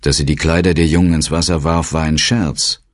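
A man voicing a calm, guarded sixteen-year-old schoolboy in an audiobook. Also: extremely low pitch, a little fast, dry recording, studio quality. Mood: explaining.

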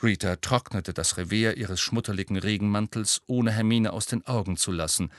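A man reading a novel aloud as narrator, with expressive storytelling. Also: lowish voice, moderate pace, no echo, clean studio sound. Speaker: audiobook reader. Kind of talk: scripted narration.

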